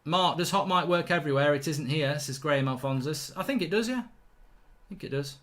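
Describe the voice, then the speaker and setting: With a fairly high, slightly bright voice that runs a little fast, a man hosts a live football watchalong. He responds to the action and reads viewer chat aloud, chatting bluntly with a bit of mild swearing.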